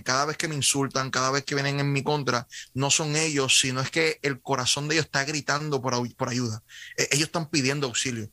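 A man's voice: on the high side, bright, forceful tone, no room sound. A man with a Puerto Rican accent, a guest earnestly telling his faith story in casual conversation over a video call, often restarting his sentences. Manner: earnest, frequent self-corrections and restarts. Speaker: guest sharing testimony.

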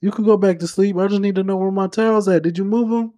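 A man puts on a crotchety, half-deaf grandfather who yells across the house in a pitched-up, demanding voice. He sounds bossy and impatient. The recording is dry and close. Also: steady tone, quick pace, dry recording, close to an everyday voice. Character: grumpy hard-of-hearing old grandfather.

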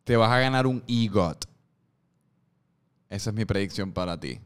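A man's voice: lowish voice, expressive, moderate pace, clean tone. A man hosting a casual interview podcast, joking and teasing his guest. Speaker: podcast host.

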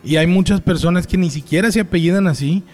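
A man tells stories with lively energy in a relaxed chat. His voice sits high for a man and is laced with street slang. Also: fast talker. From Mexico, Culiacán. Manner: animated storyteller, heavy slang. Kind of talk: casual chat, storytelling.

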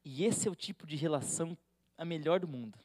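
A man's voice: on the high side, brisk, a little mellow, dry recording, clean studio sound. A Brazilian man, a pastor, preaching a sermon with a humorous, teasing manner and acting out the voices he quotes. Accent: Brazilian Portuguese.

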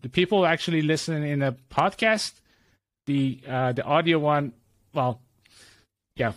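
A middle-aged man with Persian as his first language, hosting a podcast. He talks haltingly, stopping and restarting often. His voice is recorded dry and close, with no room sound. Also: on the high side, no room sound. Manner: hesitant, many fillers and restarts. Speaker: podcast host. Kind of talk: casual interview hosting.

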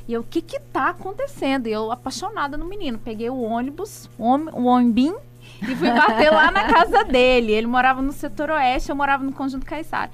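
A woman's voice: high-pitched, lively intonation, brisk, soft background music. A woman, a guest telling personal stories animatedly in a casual chat, repeating words for emphasis. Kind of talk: lively storytelling in casual chat.

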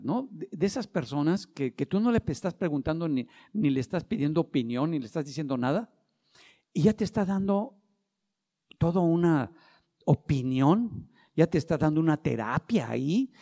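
A middle-aged man delivers a sermon in a mellow, warm voice. He leans into key phrases with rising force and slips into short acted dialogues to make his point. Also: fairly high pitch. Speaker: preacher.

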